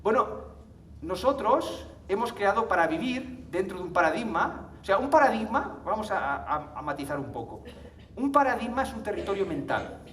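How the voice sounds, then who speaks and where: A conference speaker gives a live talk to an audience in a high, very animated voice with a fairly bright tone and a moderate pace. He's chatty, laughs a lot, and keeps checking in with tag questions. The mic sits far off in an echoey hall, with a little hiss or hum.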